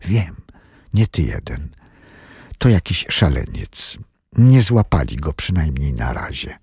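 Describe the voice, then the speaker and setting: A man reading the part of a caring wife, speaking softly and reassuringly in a husky voice. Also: very deep voice, very animated, slow, no echo, clean studio sound, pitched below the performer's own voice, full character voice. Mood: quiet reassurance. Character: caring woman, the injured man's wife.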